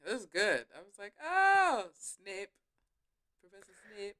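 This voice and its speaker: A woman's voice: medium pitch, normal speed, pushed and bright. A young woman co-hosting a podcast, chatting casually in a laid-back, slangy, bantering way. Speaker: podcast co-host. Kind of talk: casual chat.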